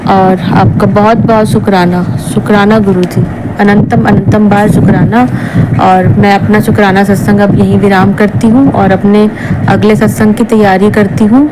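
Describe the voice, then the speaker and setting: A woman's voice: mid-range voice, little pitch movement, moderate pace. A woman closing a satsang with repeated thanks and a short mantra. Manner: repetitive, thankful. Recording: loud traffic noise behind.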